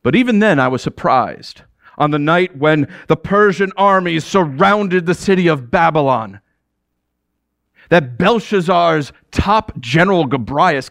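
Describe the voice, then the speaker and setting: A man's voice: fairly high pitch, fairly bright tone, no room sound, clean studio sound. A man playing a proud ancient Persian king. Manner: commanding, with chuckles between statements. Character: proud middle-aged male Persian king addressing his subjects. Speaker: actor in a biblical character monologue. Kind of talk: theatrical first-person monologue.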